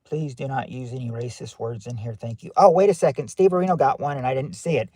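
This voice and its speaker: Man, livestream game host, upbeat and chatty, greets chat by name, mid pitch, dry close sound from his car. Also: fast, dark tone, no room sound. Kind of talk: casual game show hosting on a livestream. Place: in his car parked outside a courthouse.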